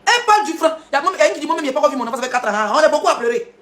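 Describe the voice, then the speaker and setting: A woman rants on a live stream, mocking her critics and firing off rhetorical questions between laughs. Her voice sits high and she rattles the words off at great speed. The sound bounces around an echoey room. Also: rapid-fire. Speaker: social media live streamer. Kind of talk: heated live-stream rant.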